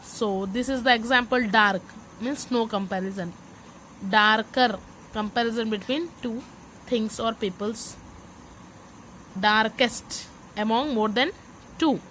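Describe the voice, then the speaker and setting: A woman with an Indian accent teaching English grammar in a slow classroom style. She switches between English and Hindi, repeats key words and checks whether her students understand. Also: fairly high pitch, a bit bright, a little hiss or hum, poor audio.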